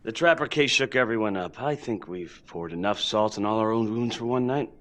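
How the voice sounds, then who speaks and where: An actor voicing a weary, placating male police sergeant who talks in a calming way. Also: fairly low pitch, close to an everyday voice. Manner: quick, calming and conciliatory.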